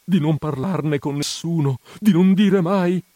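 A man's voice: warm tone, no echo, close to an everyday voice. A man doing a quavering, frightened village priest. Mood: fearful. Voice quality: quavering, pleading, high and slow. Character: timid frightened middle-aged male village priest.

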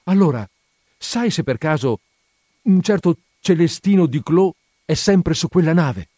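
Wary young tavern girl, guarded and hesitant, high voice, done by a male storyteller. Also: expressive, measured pace, dry recording, studio quality. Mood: anxious. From from Perpignan (figure). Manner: hesitant, quiet, guarded questioning.

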